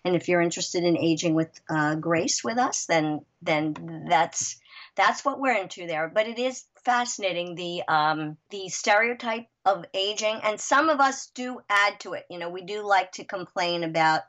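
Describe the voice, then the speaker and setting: A woman in her sixties, a writer and guest, chatting in an interview, lively and emphatic, with frequent restarts. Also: fairly low pitch, moderate pace. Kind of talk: casual interview chat. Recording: dull lo-fi audio.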